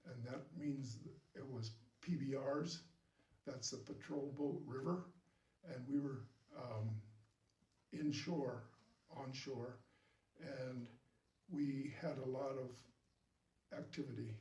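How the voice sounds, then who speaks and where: An older man, a war veteran, recalling his memories in a halting, reflective way during an interview. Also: medium pitch, darkish tone. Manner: old veteran remembering, halting and reflective, with long pauses. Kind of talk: recounting wartime memories in an interview. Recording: distant mic, roomy echo, background noise.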